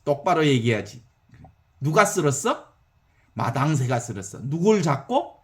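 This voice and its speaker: Man playing stern old Jeolla gentleman, scolding, animated. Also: on the high side, a little slow, pitched below the performer's own voice. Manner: exclaiming, scolding.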